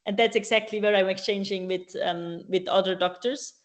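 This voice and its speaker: A woman's voice: medium pitch, steady tone, moderate pace. Hesitant woman answering questions. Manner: hesitant, many ums and restarts. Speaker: speaker at a student AI event. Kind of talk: casual live Q&A answers.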